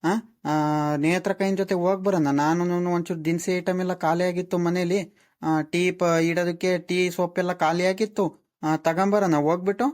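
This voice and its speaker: A woman's voice: on the low side, fairly even intonation, a little mellow, close to an everyday voice. A woman voicing a practical young daughter-in-law in a village cartoon, with a matter-of-fact manner. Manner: matter-of-fact, listing, drawn-out fillers. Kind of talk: cartoon voice acting.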